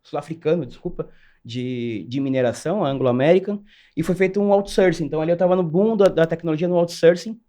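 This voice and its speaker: A man in his forties from São Paulo. He tells his story quickly and with animation. His voice sits a bit high. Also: mellow. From São Paulo, Brazil. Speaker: guest, cybersecurity executive. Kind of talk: casual interview storytelling.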